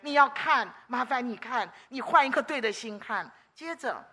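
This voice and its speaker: Woman preacher, high and bright, lively storyteller with exclamations; sermon delivery. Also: moderate pace.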